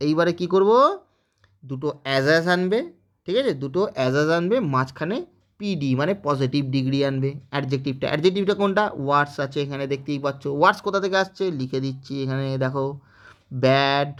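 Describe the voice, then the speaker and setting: A man teaching English grammar in Bengali with a West Bengal accent, explaining step by step and checking in with students. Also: on the high side. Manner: explains step by step with frequent "okay?" check-ins. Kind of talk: spoken grammar lesson.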